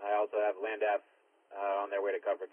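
Speaking fast in a lowish monotone, a male fire and ambulance dispatcher issues clipped, procedural calls over a two-way radio. He keeps repeating units and times. His dispatch radio mic yields narrow, tinny audio typical of a scanner.

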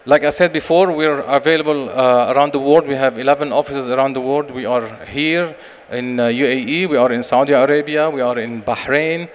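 A man in his forties, a company director, giving a conference sales pitch and answering questions with many fillers and restarts into a handheld mic. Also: fairly even intonation, brisk, hardly any pauses. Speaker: company managing director presenting. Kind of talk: conference presentation and Q&A. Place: large expo stage hall. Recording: long hall reverb, faint noise.

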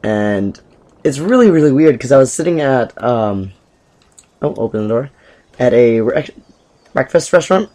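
A young man chatting excitedly over a game he is playing, rambling with filler words and sudden jumps in pitch. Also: normal speed, pauses often. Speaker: gameplay commentator. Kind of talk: casual let's-play commentary.

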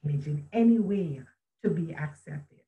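Her voice sits low and sounds animated as this middle-aged author, a guest on a video call, tells a personal story at a moderate pace. Audio from her webcam in a chandelier-lit room at home has a phone-quality sound. Earnest and reflective, she often restarts sentences and quotes what people said.

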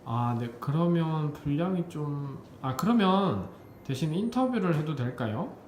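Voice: mid-range voice, expressive, measured pace, a little mellow, a little hiss or hum, natural voice. Actor doing a polite hesitant producer guy, medium voice, echoey room. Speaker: TV producer figure in skit.

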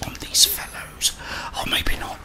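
In an ASMR gaming stream, a middle-aged man with a British accent talks himself through the game in a close, breathy murmur, almost like he's muttering to himself. He keeps a measured pace.

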